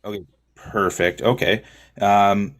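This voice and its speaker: A man in his thirties from Canada calling in to debate, measured and challenging. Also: lowish voice, steady tone. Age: 30s. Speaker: caller. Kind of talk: call-in debate.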